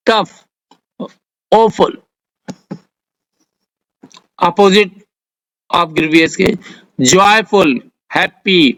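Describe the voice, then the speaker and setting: A man with an Indian accent, teaching a vocabulary lesson, dictating word lists slowly and carefully. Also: sits high, sharp tone, poor audio. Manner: dictates word lists slowly, spells out English example sentences. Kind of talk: slow, deliberate vocabulary lesson.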